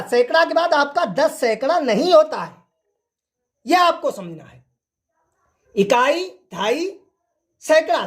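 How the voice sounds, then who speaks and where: A woman teaching an online maths lesson, who repeats each point and keeps asking the class rhetorical questions. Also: high-pitched. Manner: repetitive, drilling, asks the class rhetorical questions.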